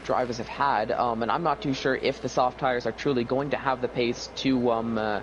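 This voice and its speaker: A man's voice: medium pitch, steady tone, normal speed, dull audio, noisy background. A man working as a motorsport co-commentator, giving live race analysis in a hesitant, conversational way. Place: esports race broadcast commentary.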